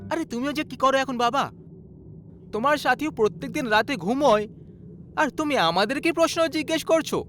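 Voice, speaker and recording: A man's voice: extremely high pitch, animated, brisk, a bit bright, soft background music, pitched above the performer's own voice. A man voicing an impatient, skeptical grown son who scolds in an exasperated tone.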